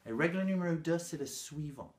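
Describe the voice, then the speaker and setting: Animated Englishman teaching, English accent. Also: fairly high pitch, moderate pace. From England. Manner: playful, animated, self-mocking. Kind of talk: lively video lesson. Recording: echoey room.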